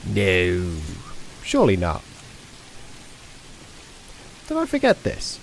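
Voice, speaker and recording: A man's voice: low voice, huge pitch swings, slow, a little hiss or hum. A man giving casual, rambling commentary while playing a game, joking and muttering to himself. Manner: rambling, jokey, sings to himself. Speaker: streamer.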